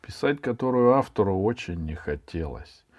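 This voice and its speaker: A man narrating a children's story aloud in an expressive storytelling manner. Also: on the low side, moderate pace. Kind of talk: audiobook reading of a children's story.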